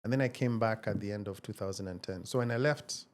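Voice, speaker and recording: A man in his forties, speaking as an interview guest in a measured, reflective way with frequent hesitations. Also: fairly low pitch, a little hiss or hum. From Kenya. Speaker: guest, tech founder. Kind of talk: casual interview conversation.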